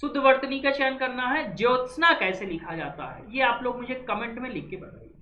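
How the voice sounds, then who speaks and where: A man's voice: extremely high pitch, lively intonation, fairly quick, pushed and bright, a little hiss or hum. A man teaching a spelling lesson for exam preparation. He is patient, spells words out letter by letter and calls his listeners "brother". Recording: echoey, dull lo-fi room sound.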